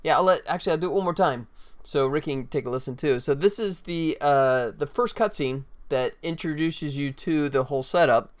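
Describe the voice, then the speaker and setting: This man's voice sits a little high and moves fairly quickly. He's hosting a relaxed game development livestream, chatting informally and addressing viewers directly while he shows off work in progress.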